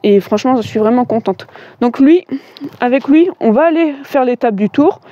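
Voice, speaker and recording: A woman's voice: fairly high pitch, expressive, normal speed, warm tone, no echo, dull audio. A woman giving a chatty, enthusiastic walkthrough of her bikes, with lots of fillers. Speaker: cycling vlogger. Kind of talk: casual bike walkthrough.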